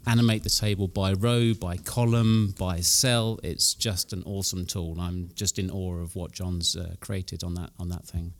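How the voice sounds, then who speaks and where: A man with a fairly low voice speaks casually on a conference panel. He sounds keen and rambles, often restarting his sentences. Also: little pitch movement, moderate pace, hardly any pauses.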